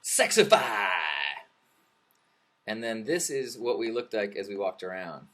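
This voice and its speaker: Male stream host, lowish voice, easygoing rambling storyteller who jokes as he goes. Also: moderate pace. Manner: rambling, joking, self-correcting. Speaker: livestream host. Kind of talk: casual livestream chat. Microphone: webcam.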